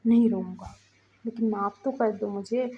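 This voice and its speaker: A woman voicing a guilty young man who softly begs his younger brother's forgiveness, in a fan fiction reading. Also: medium pitch, fairly even intonation, normal speed, muffled recording, slight background noise, close to an everyday voice. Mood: pleading. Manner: soft, meek, pleading.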